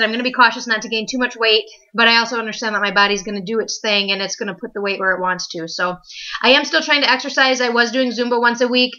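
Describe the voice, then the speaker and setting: Young pregnant woman rambling to her camera, bright voice, lots of ums, kinda muffled home video sound. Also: on the high side. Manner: chatty, filler-heavy, upbeat. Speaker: vlogger. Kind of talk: casual chat to camera.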